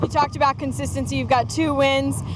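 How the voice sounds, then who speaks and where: High-voiced woman interviewing trackside. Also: fairly even intonation, brisk. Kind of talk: post-race interview questions. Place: outdoors at a speedway. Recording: clear outdoor engine noise behind.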